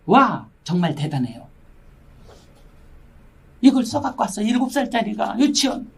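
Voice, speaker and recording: Husky older woman preaching with lively pitch. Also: unhurried. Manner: animated storytelling, acts out quoted voices. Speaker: missionary. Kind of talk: emotional testimony sermon.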